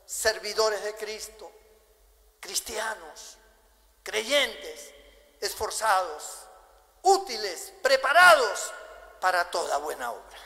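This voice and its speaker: A high-pitched man from Peru preaching a sermon, slow and deliberate. He swings from loud, stressed lines to hushed asides and asks rhetorical questions. The voice rings with long reverb in a church hall. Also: gravelly. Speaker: pastor.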